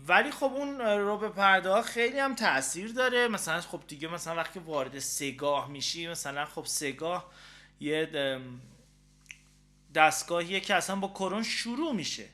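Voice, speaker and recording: A man's voice: high-pitched, bright, forceful tone. A man from Iran hosting a guitar show, talking casually and rambling with frequent filler sounds as he breaks off to play examples on his guitar. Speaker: guitar teacher and show host. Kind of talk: casual spoken guitar lesson.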